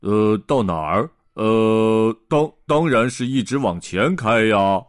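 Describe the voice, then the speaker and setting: A man's voice: fairly low pitch, animated, no room sound, clean studio sound. A man voicing a bumbling, cheerful doctor in a children's storybook, speaking hesitantly with many ers. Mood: bluff. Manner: slow and hesitant, full of ers. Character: scatterbrained cheerful old male doctor.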